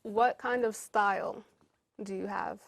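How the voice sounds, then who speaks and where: Woman host, encouraging interviewer, middle pitch, dry recording. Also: steady tone, gravelly, no echo. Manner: upbeat, encouraging, quick follow-up questions. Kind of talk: casual interview.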